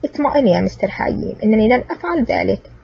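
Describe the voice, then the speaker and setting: A woman's voice: a little high, animated, fast talker, gravelly, breathy edge, heavily acted. A woman voicing a cool, sarcastic man, the hero of an audiobook adventure, speaking with cold mockery. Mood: cool sarcasm. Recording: distant, dull lo-fi recording.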